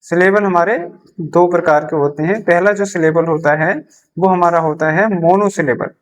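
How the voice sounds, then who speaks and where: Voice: medium pitch, steady tone, normal speed. Teacher repeating key terms. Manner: repeats key terms and answers own questions. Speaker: English teacher. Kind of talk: beginner English lesson explained in Hindi.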